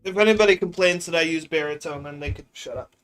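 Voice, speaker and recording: A man's voice: fairly high pitch, quick pace, a bit bright, clean tone, soft background music. A young man playing a block-building game and chatting casually, rambling and incredulous as he teases his chat. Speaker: gaming streamer. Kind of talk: casual gaming commentary.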